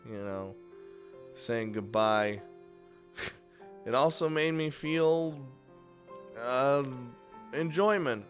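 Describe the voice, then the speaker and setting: A video game YouTuber hosts a top five list of visual novels, commenting casually in a slow, medium-pitched voice. He's informal, chuckles often and swears a lot, with music playing behind him.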